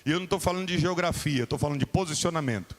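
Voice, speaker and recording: A man in his forties, a guest pastor preaching a lively sermon and acting out little dialogues as he tells stories. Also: racing. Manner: lively preaching, acts out dialogues with shifting pitch. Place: church sanctuary. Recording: long hall reverb.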